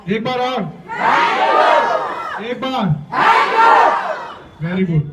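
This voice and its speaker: Male motivational speaker, high voice, coaching students to chant back, muffled sound with a crowd behind. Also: drawn-out words, heavy background noise. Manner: emphatic, prompts the crowd to repeat after him. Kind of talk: motivational talk with call-and-response. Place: school gathering with many students. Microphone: handheld or stage mic. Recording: echoey, distant, dull sound with crowd.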